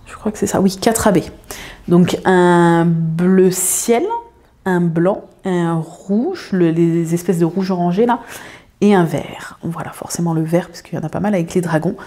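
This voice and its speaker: Woman craft vlogger, lower voice, soft mellow tone, chatty and rambling. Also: unhurried. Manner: rambling, many fillers and restarts. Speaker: craft video creator. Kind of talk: casual chat to viewers. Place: home.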